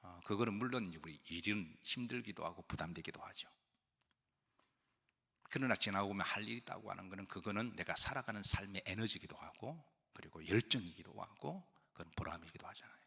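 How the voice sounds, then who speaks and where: Deep husky pastor with hall reverb. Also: male voice, expressive, a little fast, pushed and bright. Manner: explains with questions to the congregation and acted quotes. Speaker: senior pastor. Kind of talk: conversational sermon. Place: church sanctuary. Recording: long church hall reverb.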